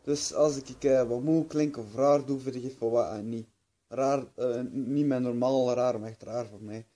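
A man's voice: mid-range voice, fairly even intonation, unhurried, dark tone. A drowsy young adult man giving casual gameplay commentary, rambling and muttering to himself with some swearing. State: tired, drowsy. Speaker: gaming video host. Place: small room at home. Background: game music.

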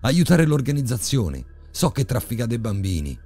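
Man doing a furious scared young guy, shouting accusations, horror story hero. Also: sits low, big pitch swings, normal speed, slightly rough, soft background music, voice pushed up, heavily acted. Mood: accusing.

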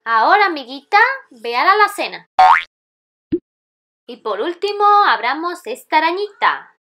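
A woman hosting a children's toy surprise show in a bright, squeaky, sing-song welcoming manner, exaggerated for small children. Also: big pitch swings, normal speed. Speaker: children's channel host. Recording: music behind the voice. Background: music.

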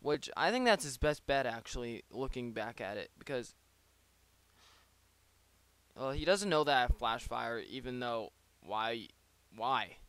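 Rambling man, smooth close-mic voice. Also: medium pitch, animated, a little slow, a bit bright, dry recording. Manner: rambling, self-interrupting, joking asides. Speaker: league player. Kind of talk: casual play-by-play of his own online battle. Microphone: close desk microphone.

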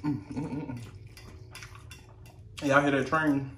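A man's voice: medium pitch, steady tone, takes it slowly, slight background noise. A man hosting an eating vlog, chatting casually with viewers while his mouth is full of food, in a laid-back way. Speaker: mukbang channel host. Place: indoor room with train audible outside. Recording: echoey room.

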